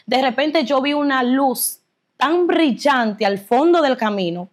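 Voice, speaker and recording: A woman tells her faith testimony as a guest in an earnest, fervent way. Her voice sits a little above the usual female range. She speaks with real emotion throughout. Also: on the high side. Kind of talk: personal religious testimony.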